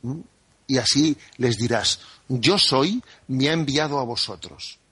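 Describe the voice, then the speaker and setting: A man from Spain, a priest explaining the catechism on a radio program, who talks in an unhurried, conversational way and keeps checking in with "¿eh?" and "¿no?". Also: mid-range voice, pushed and bright, breathy edge, dry recording. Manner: unhurried and conversational, full of "¿eh?" and "¿no?" tags. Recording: dry studio radio broadcast.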